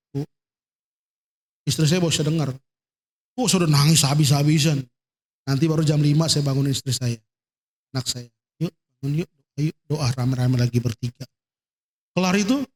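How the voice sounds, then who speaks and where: Male pastor, high voice, emotional sermon delivery, long church reverb. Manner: emotional, swinging between high exclamations and quiet asides. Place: church hall.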